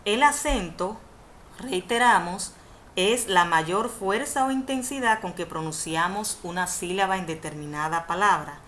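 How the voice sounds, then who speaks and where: A woman's voice: mid-range voice, a little slow, fairly bright tone. A woman teaching a university Spanish course over a webinar, explaining rules step by step and correcting herself as she goes. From Dominican Republic. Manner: didactic, repeats definitions, self-corrects with "perdón". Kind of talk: webinar lecture on Spanish spelling. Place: indoors, online video conference. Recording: faint background noise, webinar audio.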